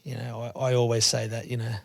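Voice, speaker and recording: A man's voice: medium pitch, fast talker, vocal fry, no echo. A man speaking as a podcast guest in earnest, casual chat, often adding "you know". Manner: earnest, repeats "you know", animated when quoting dialogue.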